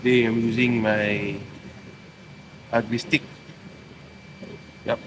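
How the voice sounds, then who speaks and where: A man's voice: medium pitch, level tone, slow. Malaysian man vlogging over background noise. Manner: colloquial Malaysian English. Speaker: vlog host. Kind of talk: casual fishing vlog. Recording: clear background ambient noise.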